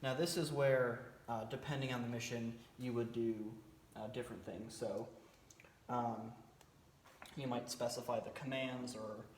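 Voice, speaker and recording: A man's voice: medium pitch, steady tone, measured pace. Man giving an echoey informal military briefing. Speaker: military cadet team instructor. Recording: roomy echo, faint background noise.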